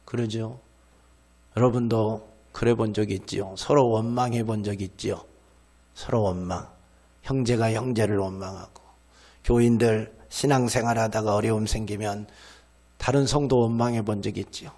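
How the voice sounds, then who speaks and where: A man's voice: lowish voice, moderate pace. Korean pastor preaching, questioning his flock. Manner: asks the congregation questions and answers them himself; acts out quoted complaints in lively voices. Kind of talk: sermon.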